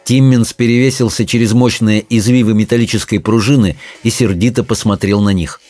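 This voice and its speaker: Measured male audiobook narrator. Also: fairly low pitch. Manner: measured, expressive reading. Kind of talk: scripted narration.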